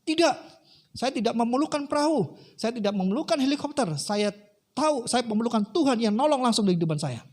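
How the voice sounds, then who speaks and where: A man's voice: high voice, a little fast, darkish tone. A man voicing a devout, stubborn man who pleads again and again to be rescued, in a raised, desperate voice.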